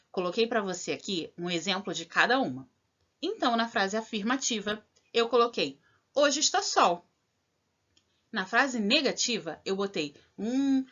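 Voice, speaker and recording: Lively woman teacher, lo-fi audio. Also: on the high side. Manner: slow, clearly stressed examples, checks in with the listener. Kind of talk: recorded lesson for children. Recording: dull lo-fi audio.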